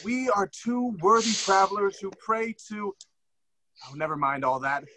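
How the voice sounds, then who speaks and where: A man's voice: high-pitched, animated, measured pace, bright, forceful tone, slight background noise, full character voice. A man playing an earnest questing hero who speaks in mock-formal tones that slip into plain talk.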